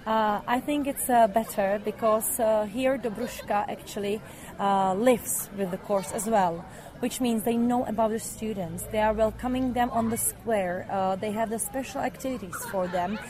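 A woman's voice: medium pitch, normal speed, darkish tone. A woman who speaks natively, a programme organizer, answering interview questions hesitantly. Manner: hesitant, frequent fillers.

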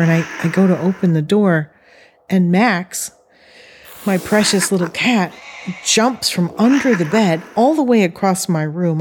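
A middle-aged woman from northern Arizona tells her own story as a guest. Her voice sits a little low. She speaks earnestly and haltingly, often restarting her sentences. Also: darkish tone, slight background noise. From northern Arizona, USA. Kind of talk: recounting a personal experience.

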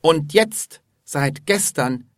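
Man doing an angry customer on the phone, higher-pitched and curt, in a dry booth. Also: lively intonation, drawn-out words, no echo. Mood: indignant. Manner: curt, commanding, indignant. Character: irate middle-aged male customer complaining by phone.

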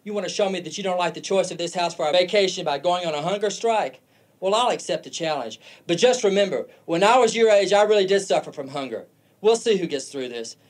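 A man's voice: high voice, animated, fast talker. A man playing a stern middle-aged father who lectures his son in stiff, stilted lines from a film.

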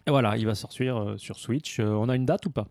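Mellow man hosting a game news chat. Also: medium pitch, fast talker, creaky, a little hiss or hum. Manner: relaxed, steering the segments. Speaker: podcast host reading the news. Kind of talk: casual gaming chat.

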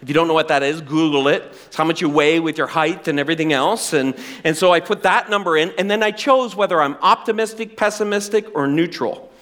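A middle-aged male pastor preaching a sermon with animated, self-deprecating humor. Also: on the high side, a little fast.

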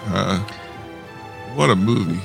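A man's voice: deep voice, expressive, slow, creaky, music in the background. A man hosting a podcast in casual chat, easygoing and leading the talk. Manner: easygoing, laughing, leads the talk. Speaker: podcast host.

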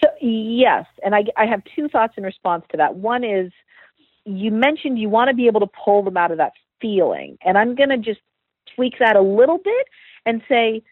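A woman's voice: fairly high pitch, expressive, normal speed, husky, no room sound. A woman who is a social worker, a guest in a conversational interview, talking candidly with self-deprecating examples. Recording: tinny phone-line sound.

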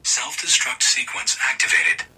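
A played sound clip of a robotic male computer voice announcing in a flat, mechanical way, coming from a phone speaker. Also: mid-range voice, a little slow, poor audio.

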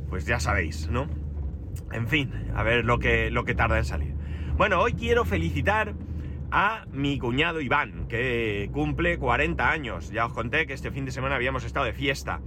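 A man's voice: medium pitch, expressive, normal speed, noisy background. A middle-aged man from Spain with a Spanish accent and a head cold, giving a casual, wry, grumbling personal monologue as a podcast host. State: has a head cold with runny nose.

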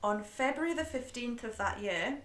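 Chatty woman podcast host, swears a bit, slightly high voice, echoey room. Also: moderate pace, a bit bright. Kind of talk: casual chat and scripted narration. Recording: roomy echo.

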